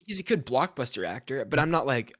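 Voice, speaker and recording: A man co-hosting a casual film podcast, chatting in an animated, jokey way about movie news. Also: medium pitch, brisk, a little hiss or hum. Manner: animated, jokey, swings into bits and mock voices. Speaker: podcast co-host. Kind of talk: casual chat.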